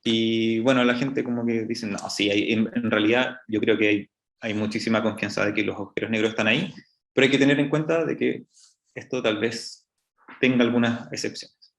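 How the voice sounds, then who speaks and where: A man's voice: lowish voice, fairly even intonation, normal speed, creaky. A man giving a public astrophysics talk, explaining step by step with frequent restarts. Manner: explanatory, many restarts and "entonces, bueno". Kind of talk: public lecture. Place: lecture room. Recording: echoey room.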